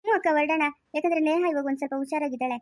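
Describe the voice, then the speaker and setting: A woman's voice: high voice, rapid-fire, darkish tone, dry recording, studio quality, natural voice. A woman playing a grieving young village woman who has lost her family, pleading and sobbing in a family moral drama. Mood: bitter.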